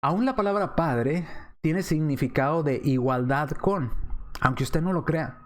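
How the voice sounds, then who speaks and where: A man's voice: on the high side, a little slow. A man from Mexico, teaching a Bible study lesson from slides, reasoning aloud with rhetorical questions and frequent hesitations.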